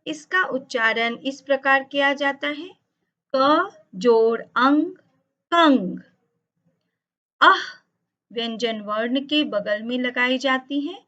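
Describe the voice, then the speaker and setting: A woman teaching over slides, speaking slowly and carefully and drawing out each sound she spells. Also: sits high, pushed and bright. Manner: drawn-out, emphatic spelling of sounds. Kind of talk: slow, careful lesson narration over slides. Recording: dull lo-fi audio.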